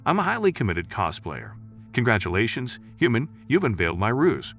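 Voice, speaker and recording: A man's voice: on the low side, sing-song, moderate pace, a bit bright, faint music behind. A man reading as a freezing, sarcastic alien woman. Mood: weary, sarcastic. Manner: sarcastic, clipped. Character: shivering female alien castaway, dry and sarcastic.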